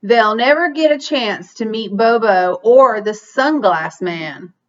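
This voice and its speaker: Woman reader as storybook grandma: folksy, firm, upbeat and wise, slow delivery, muffled sound. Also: on the high side, animated. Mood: chiding, wise. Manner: folksy, instructive.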